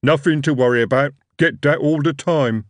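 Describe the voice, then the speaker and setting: A big, eager young troll, as a male narrator puts him on, booming out short, plain sentences. The voice is loud and slightly raised, and it lands dry with no room around it. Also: normal speed, no echo, close to an everyday voice. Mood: hopeful. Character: huge, hopeful young male troll laborer.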